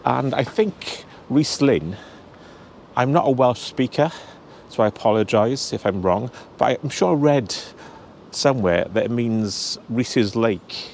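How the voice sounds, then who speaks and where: A travel vlogger in his fifties walks a cold hillside and chats straight to his viewers through a handheld camera held at arm's length. His mid-range voice is animated but a little slow, with vocal fry and a darkish tone. There's slight background noise in this casual walk-and-talk.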